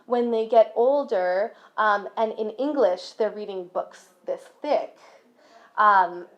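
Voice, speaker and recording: A woman's voice: mid-range voice, slow pace. A woman from a school's language program talking casually to parents in a friendly, chatty way. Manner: friendly, chatty, many fillers. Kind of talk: casual presentation talk. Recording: dull lo-fi recording.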